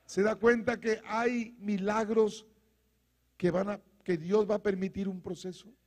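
A male preacher with a strikingly high, gravelly voice that climbs into shouts. He calls out to his congregation in a fiery sermon. The sound rings with the long reverb of a church hall. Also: little pitch movement, measured pace. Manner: preaching with rising shouts and congregational call-and-response. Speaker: pastor.

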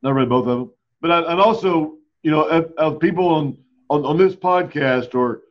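Brief: talk show host, man, slightly raised pitch, dull lo-fi sound, halting and appreciative. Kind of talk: casual interview talk.

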